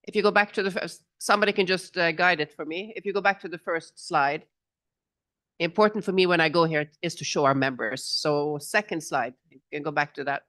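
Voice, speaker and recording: A middle-aged woman from Norway, speaking informally on a conference panel about her business group, relaxed and chatty. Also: fairly low pitch, fairly quick, dry recording, studio quality. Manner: relaxed, chatty, with small laughs and restarts. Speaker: business association representative and panelist. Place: conference hall, on stage. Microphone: handheld microphone.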